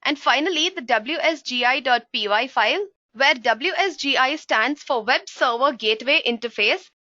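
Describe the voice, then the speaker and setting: A woman's voice: high voice, normal speed, bright, forceful tone, no room sound, lo-fi sound. A woman instructor giving a live coding tutorial, explaining each step and often calling her listeners guys, heard through livestream headset audio. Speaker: programming instructor.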